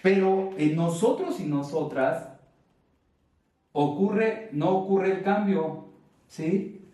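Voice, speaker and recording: Slow, echoey Mexican Spanish teacher. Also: male voice, high voice, expressive, dark tone. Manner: deliberate, stresses syllables to demonstrate. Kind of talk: video grammar lesson. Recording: very echoey room, from far off.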